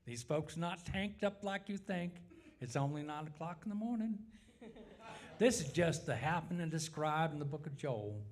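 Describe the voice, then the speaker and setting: A man's voice: on the high side, animated, moderate pace. A man from the congregation reading a short passage aloud in a put-on Southern accent, heard from a distant mic in a church hall.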